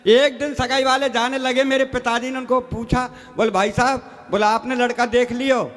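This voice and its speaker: High-voiced older man telling comic tales. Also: flat delivery, normal speed, fairly bright tone. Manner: folksy storytelling with rustic dialect. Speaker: comic poet. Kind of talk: stage comedy poetry recital. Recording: echoey hall reverb.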